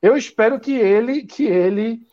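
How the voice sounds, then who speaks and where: A man's voice: very high-pitched, moderate pace, dark tone. A man from Brazil hosting a live football talk stream, disagreeing often and reading out chat comments. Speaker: sports show host. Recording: dull lo-fi audio.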